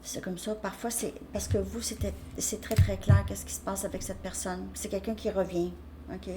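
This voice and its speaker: A woman's voice: mid-range voice, steady tone, moderate pace, heavy background noise. Hesitant woman reading tarot. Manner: hesitant, restarts often, checks in with "ok?". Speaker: tarot reader.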